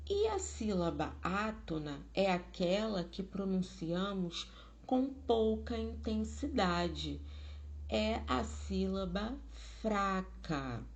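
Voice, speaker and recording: A woman teacher with a Brazilian Portuguese accent giving a recorded distance-learning lesson, slow and careful, stressing syllables loudly. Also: lowish voice, creaky.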